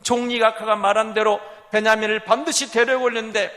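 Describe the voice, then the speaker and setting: A male pastor preaching a sermon, dramatic and swinging between whispers and loud exclamations. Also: sits high, steady tone, brisk, in a large hall. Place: church sanctuary.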